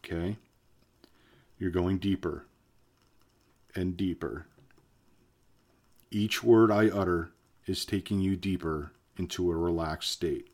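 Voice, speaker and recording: An actor playing a weary man filming himself as the world ends, talking hesitantly and later guiding a hypnosis in a slow, soothing voice. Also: low voice, steady tone, a little mellow, full character voice. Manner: hesitant, with fillers and restarts. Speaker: vlogger. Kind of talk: found-footage vlog acting.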